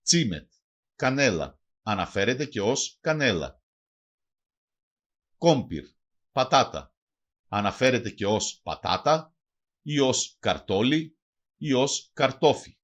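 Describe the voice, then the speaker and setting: Guy narrating a vocab lesson, reads a word then its translation, pretty lively up-and-down voice. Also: mid-range voice. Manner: reads words, then gives each translation, in measured teaching cadence. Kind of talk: scripted bilingual lesson narration.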